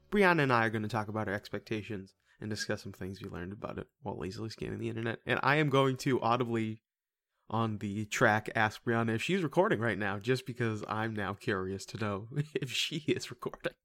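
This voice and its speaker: A man hosting a casual movie podcast, joking around with goofy, animated bursts. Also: lowish voice, fairly quick, dry recording, faint music behind. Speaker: podcast host.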